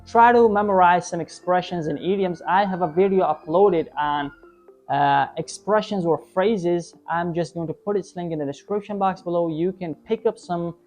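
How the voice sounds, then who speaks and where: A woman's voice: lowish voice, moderate pace, darkish tone, faint music behind. A woman teaching an online English lesson, explaining tips and often checking in with "right?". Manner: tags many sentences with "right?"; coaching, repetitive explanation.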